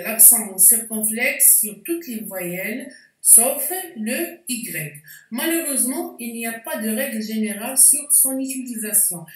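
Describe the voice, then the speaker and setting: Slow, careful woman teacher, echoey room. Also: on the high side. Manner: slow, careful explaining with frequent hesitations. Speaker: French teacher. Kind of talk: spelling lesson. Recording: echoey room, voice distant from mic.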